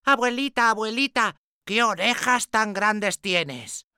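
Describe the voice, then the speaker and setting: A man voicing a cheerful, naive little girl in a storybook reading, squeaky, eager and sing-song. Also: takes it slowly, bright, forceful tone, clean tone, no echo, clean studio sound, full character voice. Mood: wondering.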